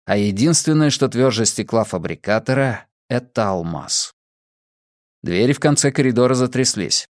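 A man reading an audiobook in measured scripted narration. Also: mid-range voice, expressive, dry recording, clean studio sound. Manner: measured storytelling.

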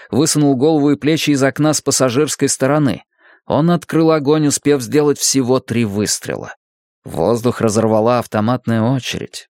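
A man narrating a dramatic audiobook in a steady, measured way. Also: medium pitch, no room sound, studio quality.

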